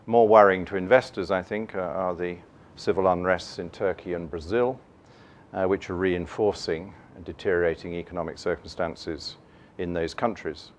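A middle-aged man giving a keynote on markets from a lectern, measured and dotted with fillers and restarts. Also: deep voice, steady tone, a little hiss or hum. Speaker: investment keynote speaker. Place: conference room, standing at a lectern.

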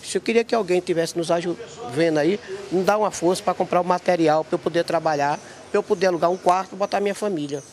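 A man's voice: sits high, quick pace, darkish tone. A middle-aged man from Bahia with a Bahian accent, pleading earnestly for help into a reporter's handheld mic outdoors. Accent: Bahian Portuguese. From Bahia, Brazil. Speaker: interviewee asking for help. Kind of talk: street interview plea. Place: outdoors, by a wall.

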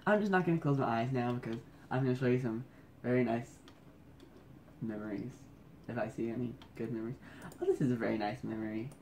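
Late at night at home, a man vlogs casually and keeps his voice down so he won't wake the house, rambling and mocking himself as he scrolls through old photos. He speaks quickly in a mid-range, darkish voice with vocal fry, and there's a little hiss or hum.

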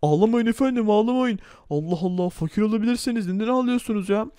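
A man's voice: high-pitched, quick pace, dark tone, clean tone, no room sound, studio quality, close to an everyday voice. A man playing a courteous, kind-hearted restaurant waiter in a game role-play. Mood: polite.

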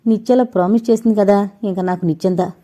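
A caring, practical young woman, read by a woman narrator, speaking gently in a mellow, relaxed voice. She is a character in a storybook audio novel. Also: medium pitch, fast talker, close to an everyday voice. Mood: concerned. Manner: gentle, urgent when needed.

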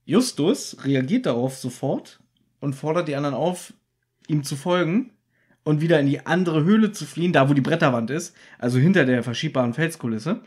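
A podcast co-host with a slightly high, brisk voice casually retells and discusses a radio play's plot in detail. He gets animated when joking.

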